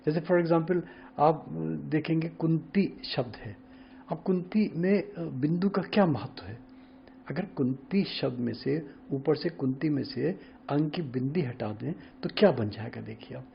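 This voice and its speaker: Guy explaining stuff to camera, kinda high voice, keeps saying hai na, dull lo-fi sound. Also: measured pace, vocal fry, a little hiss or hum. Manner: reflective, explaining with rhetorical questions and frequent "है ना"; mixes English words into Hindi. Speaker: spiritual speaker.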